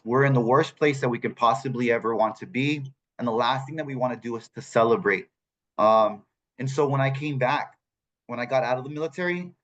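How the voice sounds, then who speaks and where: A veteran in his forties speaks casually on a peer support panel, candid and joking about his own experience. His voice is mid-range, and the recording has its highs cut off.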